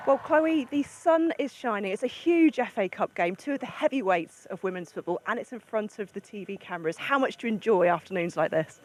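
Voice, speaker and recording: Woman interviewer with medium pitch. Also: animated, a little fast, hardly any pauses. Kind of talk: live sports interview questions.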